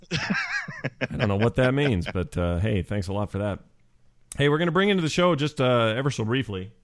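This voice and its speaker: A man's voice: mid-range voice, huge pitch swings, normal speed. A man hosting a casual podcast, laughing a lot and joking around. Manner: giggly, goofy, lots of laughing. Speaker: podcast host. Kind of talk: casual show banter.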